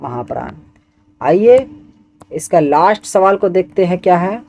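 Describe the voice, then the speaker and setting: A man's voice: sits high, sing-song, unhurried, darkish tone. A man teaching Hindi grammar who reads each exam question and its options aloud, then asks for the answer and repeats it. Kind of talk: exam question walkthrough lesson.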